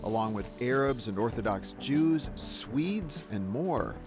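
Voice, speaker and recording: With music underneath, a man narrates and hosts a documentary slowly at a medium pitch. His delivery is wry, conversational and lively, and he sometimes asks interview questions.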